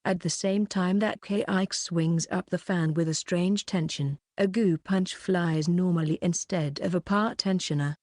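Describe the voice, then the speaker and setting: A woman narrating a light novel audiobook in an even, plain reading style. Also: fairly low pitch, measured pace, hardly any pauses, no echo, clean studio sound.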